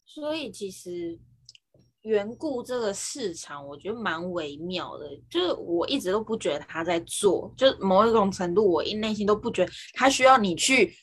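A woman guest in a casual chat, speaking in a calm, reflective way. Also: medium pitch, normal speed, breathy edge.

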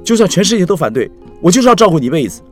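A drunk, desperate young man whose voice shoots high and loud, indignant and pleading in a storybook telling, as a male narrator puts him on. He sounds lively and strained. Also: very fast, faint music behind. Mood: pleading outburst.

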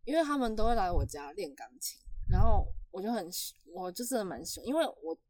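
A woman telling a story in casual chat, animated and laughing often. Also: mid-range voice, brisk, no echo. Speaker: podcast host telling a story.

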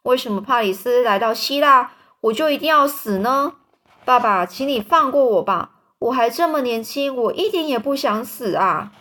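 A woman's voice: fairly high pitch, moderate pace, a bit bright, natural voice. A woman voicing an innocent young daughter who pleads tearfully with her father in a storybook reading. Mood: pleading.

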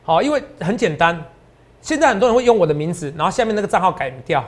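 Male finance host, Taiwanese Mandarin accent, high voice, rapid and emphatic delivery. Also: lively intonation. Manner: emphatic and repetitive, often ends lines with a tag question. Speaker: stock market analyst host. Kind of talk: animated market commentary.

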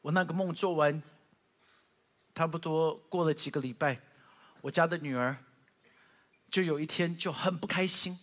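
A man preaching a sermon as pastor, telling stories with strong emotion, moving from loud to hushed, with frequent stammered restarts. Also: on the high side, normal speed, long pauses, in a large hall.

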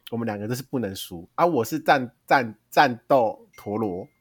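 Lively young Taiwanese man telling stories. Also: medium pitch, fairly quick, slightly rough, no room sound, studio quality. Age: young adult. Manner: animated storytelling, laughs often, exaggerated tone. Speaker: podcast co-host. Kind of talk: casual chat.

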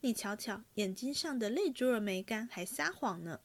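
An impulsive, devoted young nobleman, voiced by a woman reading the story aloud. He speaks fast and earnestly, pressing and pleading, in a fairly high voice. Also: animated. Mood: coaxing.

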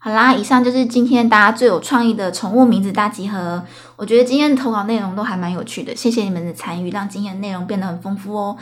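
A woman's voice: mid-range voice, fairly even intonation, fast talker. A young woman with a Taiwanese Mandarin accent hosting a casual solo podcast, playful and chatty, with giggly asides. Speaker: podcast host.

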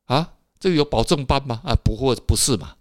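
A man's voice: medium pitch, animated, fairly quick, dry recording. Taiwanese guy hosting a chatty solo show, bouncy up-and-down voice, dry close sound, lots of little filler words. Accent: Taiwanese Mandarin. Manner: rambling, full of filler particles and tag questions. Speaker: podcast host. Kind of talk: casual solo talk to listeners.

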